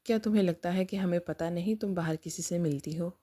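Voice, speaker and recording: A woman voicing a scornful, domineering sister-in-law with a sharp, taunting manner in a storybook reading. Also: on the low side, close to an everyday voice.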